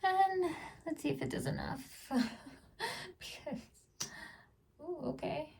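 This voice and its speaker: A woman's voice: high voice, slow, creaky, a little mellow, far from the mic, slight background noise. A woman chatting casually through a makeup tutorial as a beauty vlogger, rambling and trailing off with small laughs.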